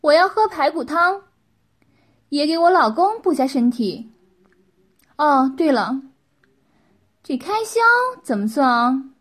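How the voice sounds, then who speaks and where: A woman's voice: high-pitched, lively intonation, slow, pauses often, pitched above the performer's own voice. A woman voicing a bossy, playful young wife who teases and gives orders in a story reading. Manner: teasing, commanding.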